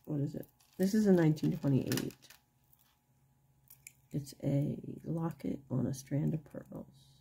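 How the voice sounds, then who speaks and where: A middle-aged woman chatting casually and quietly in a tired late-night way, with a husky, fry-laden voice, murmuring and repeating herself as she shows things off. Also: sits low, measured pace, long pauses, a little hiss or hum. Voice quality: croaky, husky voice with vocal fry. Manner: quiet, tired late-night delivery, holding the voice down while others sleep. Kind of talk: casual chat, unscripted show-and-tell. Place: indoors at home, over a wooden table.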